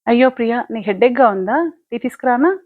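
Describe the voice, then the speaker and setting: A woman's voice: on the high side, quick pace, no echo, voice pushed up, natural voice. A woman playing a lecturing older sister. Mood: worried. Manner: lecturing, moralizing. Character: caring older sister scolding sister. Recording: dull lo-fi, dry.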